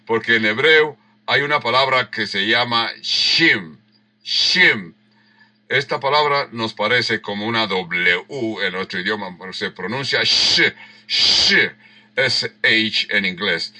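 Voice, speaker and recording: Slow, bright-voiced pastor. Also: male voice, mid-range voice. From Mexico. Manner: unhurried, rereads verses and acts out the quoted lines; explains word sounds with emphatic repeats. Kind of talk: sermon teaching verse by verse.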